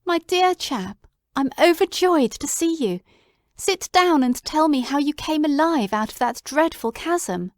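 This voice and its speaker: A woman voicing an excitable, loyal middle-aged male doctor who talks in breathless, exclamatory bursts. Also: high-pitched, a little slow, no echo, clean studio sound, voice pushed up. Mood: astonished.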